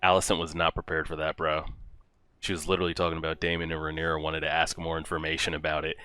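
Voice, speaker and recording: Deep, bright-toned man reacting animatedly. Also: fast, clear, resonant tone, no echo. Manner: animated, exclaiming and talking to the characters. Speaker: reaction video host. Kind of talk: casual reaction commentary.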